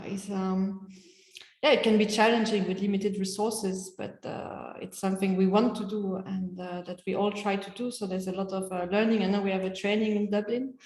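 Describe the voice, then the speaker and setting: A woman's voice: medium pitch, darkish tone, roomy sound, in a large hall, poor audio. A woman hosting a webinar, summarizing audience comments in a loose, chatty way. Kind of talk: webinar discussion.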